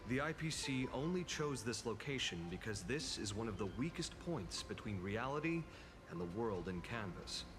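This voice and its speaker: A man voicing a composed, courteous guide in a video game, explaining lore in a measured, formal way. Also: on the low side, close to an everyday voice.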